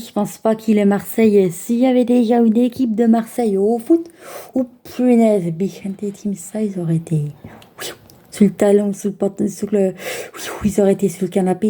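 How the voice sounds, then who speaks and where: A woman's voice: medium pitch, fairly even intonation, normal speed, dark tone. A woman vlogger in casual chat, giving spoken commands and chatty asides, with some stumbles. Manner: chatty, stumbling, talking to a device.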